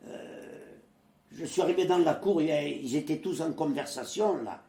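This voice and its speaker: A man's voice: fairly high pitch, normal speed, echoey room. A man in his nineties, originally from Marseille, telling his wartime memories in conversation and acting out the voices of people he quotes, with frequent hesitations. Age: 90s. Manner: lively storyteller who acts out quoted voices, with frequent hesitations. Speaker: interviewee, former resistance fighter.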